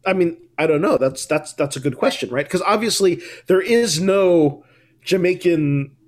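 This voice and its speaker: A man hosting a relaxed panel chat with a fairly high voice. He talks with eager enthusiasm, restarts his sentences and keeps checking in with his listeners. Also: moderate pace. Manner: enthusiastic, thinks aloud with restarts and tag questions. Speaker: podcast host. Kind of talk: casual panel discussion.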